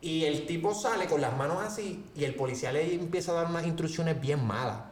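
A man with a Puerto Rican accent hosting a casual podcast, telling stories with lively quoted voices. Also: fairly high pitch, fairly quick, distant mic. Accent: Puerto Rican Spanish. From Puerto Rico. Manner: animated storytelling, acts out quotes in raised voice. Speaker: podcast host. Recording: echoey room, faint background noise.

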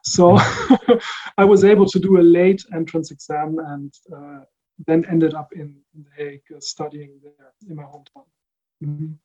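A man from the Netherlands answers questions in relaxed conversation, pausing often with fillers and restarting his sentences. His voice sits a little high for a man but sounds mellow and warm. The audio is slightly dull, like a lo-fi recording. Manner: thoughtful, many fillers and restarts. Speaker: recording engineer guest. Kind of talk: casual interview answers.

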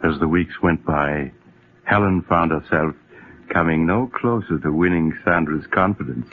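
A man narrating a 1940s radio drama in a measured way, on a tinny old recording. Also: a bass voice, noisy background.

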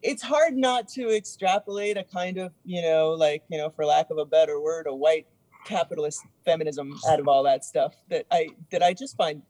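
A woman on a discussion panel, hesitant and halting, packing her talk with fillers as she searches for words. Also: low-pitched, steady tone, dark tone, no echo. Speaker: panel guest. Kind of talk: casual discussion.

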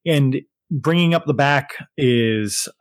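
Halting male game master, dry sound. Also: mid-range voice, no room sound. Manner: halting, searching for words. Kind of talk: improvised tabletop game narration.

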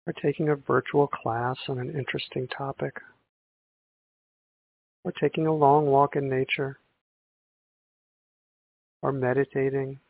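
A man leading a guided meditation in a slow, soothing sleep story narrator manner, with long pauses between gentle instructions. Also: medium pitch, level tone, creaky. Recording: muffled, phone-like narrow sound.

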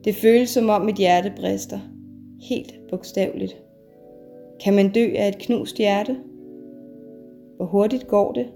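A woman, a mother, reading her own first-person story aloud in a measured, heavy way. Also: medium pitch, steady tone, gravelly. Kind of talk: scripted first-person narration. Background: soft guitar music.

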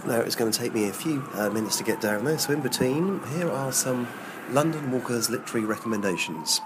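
A man's voice: medium pitch, expressive, fairly quick, noisy background. A man working as a walking tour guide, chatting enthusiastically as he walks outdoors through the city and describes the sights around him. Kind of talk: on-location podcast narration. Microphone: handheld recorder on location.

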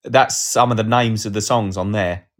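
A man's voice: fairly low pitch, fairly even intonation, normal speed. A man hosting a live podcast, chatting casually and jokily, reading out comments from listeners. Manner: rambling, jokey, reads out chat comments. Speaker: podcast host.

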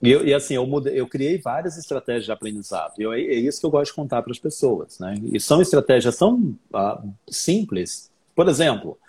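A man's voice: mid-range voice, animated, brisk, darkish tone, husky. A man from Brazil, an English teacher, chatting as an interview guest and acting out his own past thoughts as he tells stories. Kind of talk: casual interview chat.

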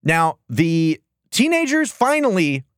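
American male podcast host, lively and expressive, wry incredulous casual banter, dry close recording. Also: fairly high pitch, takes it slowly, clean tone, no room sound. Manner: sarcastic, incredulous, profane joking. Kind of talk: casual comedic chat about old cartoons.

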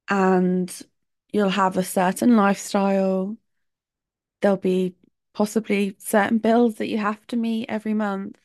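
A woman hosts a solo podcast, chatty and opinionated, laughing between points despite a sore throat. Her medium-pitched voice sounds gravelly, and the recording is dry and studio quality.

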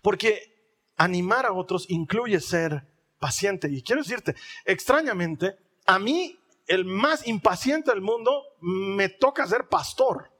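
A male pastor, preaching a sermon in an animated, humorous way, acting out little scenes. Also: high-pitched, slow, husky.

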